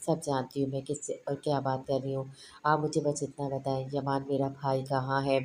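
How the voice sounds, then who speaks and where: A woman's voice: a bass voice, monotone, moderate pace, darkish tone, slight background noise. A woman voicing a scornful young woman who taunts a rival with contempt.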